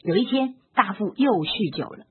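Husky woman lecturing over a tinny line. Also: medium pitch, lively intonation, moderate pace. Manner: explains with examples, repeats key phrases, frequent filler particles. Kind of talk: recorded logic lecture. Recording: lo-fi, phone-like band.

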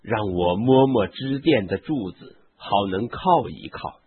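Samson, a mighty captive strongman, earnest and solemn, as a man reads him. The voice is deeply husky and slow. It sounds thin, as if through a phone. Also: lively intonation, phone-quality sound.

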